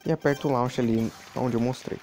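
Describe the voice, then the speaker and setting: Gravelly man commenting gameplay. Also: medium pitch, steady tone, brisk, warm tone. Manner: chatty, many fillers and asides to the viewers. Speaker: mobile game channel host.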